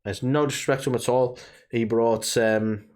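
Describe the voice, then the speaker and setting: A man's voice: mid-range voice, fairly even intonation, moderate pace, a little mellow. A man co-hosting a wrestling podcast, talking casually and rambling with plenty of fillers, originally from the UK. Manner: chatty, rambling, lots of fillers. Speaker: podcast co-host. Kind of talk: casual chat.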